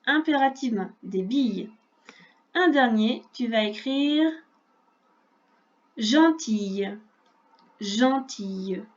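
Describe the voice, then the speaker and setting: A woman teacher giving a recorded reading lesson to a young child, speaking slowly with careful articulation and addressing the child directly. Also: high voice, expressive, lo-fi sound. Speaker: primary school teacher.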